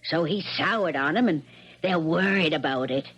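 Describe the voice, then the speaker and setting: Folksy, low-voiced old Aunt Polly. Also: female voice, normal speed, fairly bright tone, husky. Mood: concerned, matter-of-fact. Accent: rural American. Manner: folksy, matter-of-fact. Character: plain-spoken, folksy older country aunt. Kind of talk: 1970s radio drama acting. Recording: dull vintage radio recording.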